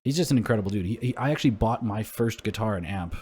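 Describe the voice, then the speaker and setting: A man's voice: fairly low pitch, lively intonation, quick pace, a little mellow, breathy edge. A young man co-hosting a podcast, chatting casually, swearing freely and laughing easily. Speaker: podcast co-host. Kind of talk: casual chat.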